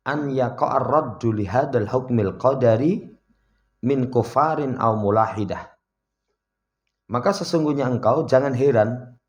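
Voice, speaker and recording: A man teaching a religious lesson, reading Arabic text aloud and explaining it in with a slight touch, his pitch and volume swinging widely. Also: muffled recording.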